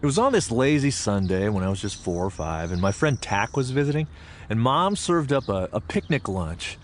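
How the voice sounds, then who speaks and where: A lowish male voice comes through slight background noise: an American actor in a dramatic audio theatre piece, playing a reflective, earnest Japanese American man remembering his farm childhood. He tells the story deliberately and expressively, leaning on weighted pauses.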